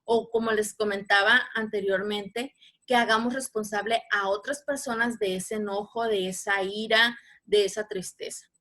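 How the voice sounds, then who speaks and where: Running a live workshop over video call, this woman with a Mexican Spanish accent patiently questions her audience as facilitator. She has a bright, forceful, mid-range voice that stays steady at a moderate pace.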